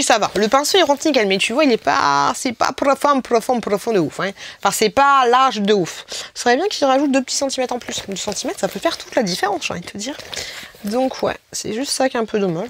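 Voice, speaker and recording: A woman's voice: fairly bright tone, a little hiss or hum. A young woman chatting casually through a beauty haul, playful and self-mocking. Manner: chatty and playful, mocks squeaky influencer voices. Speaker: beauty vlogger. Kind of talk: casual haul video chat.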